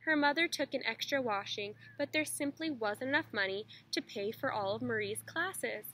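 A woman teacher reading a children's picture book aloud in a clear, expressive way. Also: a little high, normal speed, a little hiss or hum.

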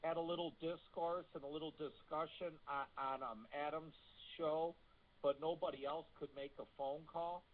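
Telephone-like audio, man, fairly high pitch, halting, repetitive phrase starts, casual radio talk. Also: fairly even intonation. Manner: halting, repeats phrase openings. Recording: tinny phone-like line.

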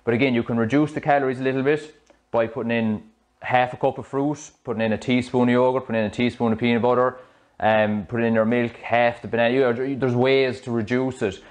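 A man in his thirties with an Irish accent, a fitness coach talking through a smoothie recipe in his home kitchen on a clip-on mic, chatty and explanatory. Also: mid-range voice, flat delivery, fast talker. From Ireland. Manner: chatty, explanatory, loose restarts. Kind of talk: casual cooking demonstration. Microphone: small clip-on mic.

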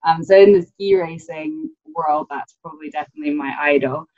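This British ski coach in her twenties has a low, gravelly voice and talks briskly and very animatedly on a casual video call. She laughs often and leans on "um" and "like," and the dull lo-fi audio has no echo.

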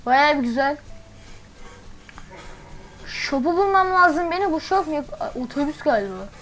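A woman commenting on her gameplay as she plays, chatty and thinking aloud, with quick startled exclamations. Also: high-pitched, lively intonation, a bit bright, poor audio. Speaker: gaming channel host.

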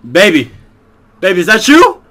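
A man in his twenties reacting as a panicking, excitable gamer, screaming and yelling at a horror game. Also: high-pitched, very slow, very noisy. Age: 20s. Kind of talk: shouted gaming reaction commentary.

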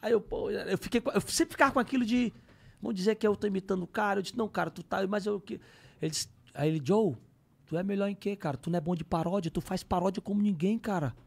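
A man's voice: high-pitched, quick pace, gravelly, darkish tone. A man, telling stories on a podcast in casual, slangy chat and bursting into sung parodies. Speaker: podcast guest, comedian.

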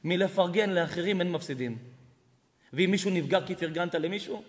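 A man, a rabbi, giving an emphatic Torah lesson, jumping from loud exclamations to hushed asides while telling stories. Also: sits high. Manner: storytelling with acted dialogue. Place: large hall at an evening lesson. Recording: hall reverb.

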